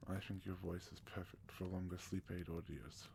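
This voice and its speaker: A man from South Africa hosting a soft-spoken ASMR question-and-answer session, gentle and sometimes slipping into a whisper. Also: low voice, level tone, moderate pace, creaky, a little hiss or hum. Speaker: ASMR channel host.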